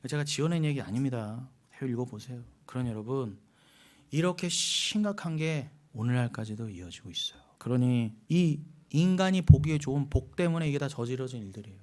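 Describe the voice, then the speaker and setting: A middle-aged man preaching a sermon as pastor, telling the story in a lively, animated way and acting out voices with mockery. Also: medium pitch, brisk. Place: church sanctuary.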